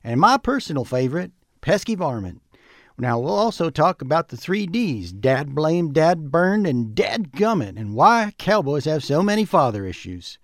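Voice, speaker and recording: A man doing a mock commercial pitch in an exaggerated folksy cowboy manner. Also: sing-song, normal speed, dry recording, studio quality. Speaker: comedy ad pitchman. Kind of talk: mock commercial, over-the-top cowboy drawl.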